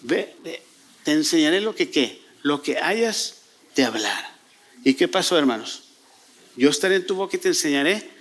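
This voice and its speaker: A man's voice: on the high side, expressive, moderate pace, fairly bright tone. A male pastor from Mexico preaching a sermon in church, reading scripture aloud and asking the congregation questions before answering them himself. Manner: reads scripture aloud and paraphrases it.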